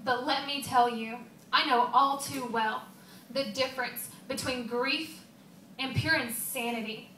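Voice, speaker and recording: A woman playing Mary Magdalene as a grieving, devoted follower in a dramatic stage monologue, earnest and confiding, with pauses and rhetorical questions. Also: high-pitched, steady tone, pushed and bright. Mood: bewildered, confiding. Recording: roomy, distant mic, faint background noise.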